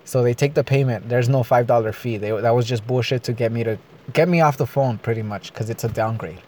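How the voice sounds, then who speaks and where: A man's voice: mid-range voice, a little fast, mellow, a little hiss or hum. A man ranting in a vlog, agitated, swearing and rambling. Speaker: vlogger. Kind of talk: profane personal rant.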